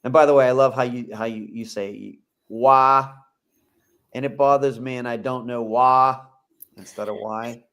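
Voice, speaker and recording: A man's voice: medium pitch, fairly even intonation, normal speed, a bit bright. Guy hosting a podcast, rambly, lots of "you know", teasing his cohost, regular middle voice. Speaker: podcast co-host. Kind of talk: casual chat.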